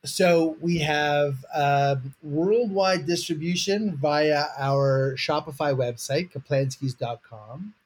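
A man's voice: on the high side, slow, few pauses, breathy edge. A man chatting casually as a guest, playful and often repeating words as he goes. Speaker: guest, mustard maker. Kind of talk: casual chat.

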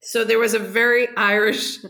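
A woman co-hosting a podcast, joking with deadpan comic bits. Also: on the high side, normal speed. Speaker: podcast co-host. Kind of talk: casual group chat.

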